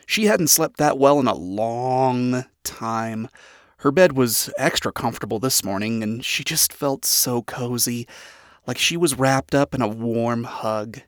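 A reader narrating a chapter of a story aloud with expressive storytelling. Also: mid-range voice, unhurried, dry recording, clean studio sound. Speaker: audiobook reader.

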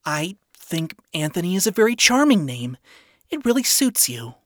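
A man voicing a gentle young woman counselor. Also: on the high side, very animated, slow, slightly rough, no room sound, studio quality, pitched above the performer's own voice, heavily acted. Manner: soft, careful questioning. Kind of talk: fan fiction reading.

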